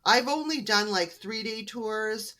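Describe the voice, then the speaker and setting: A woman's voice: a little high, slow, bright, forceful tone. A woman from Canada, an author being interviewed on a podcast, chatting in a friendly, storytelling way. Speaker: author guest. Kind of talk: casual interview chat.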